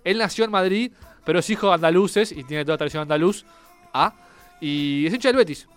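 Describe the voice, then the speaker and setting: A man's voice: fairly high pitch, brisk, fairly bright tone, smooth, faint music behind. A man chatting casually as a co-host, dropping short dry remarks. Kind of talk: casual chat.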